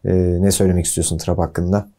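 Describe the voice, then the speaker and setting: A man's voice: sits low, flat delivery, fast talker, mellow. A man co-hosting a football podcast, easygoing and agreeable, steering the talk between segments.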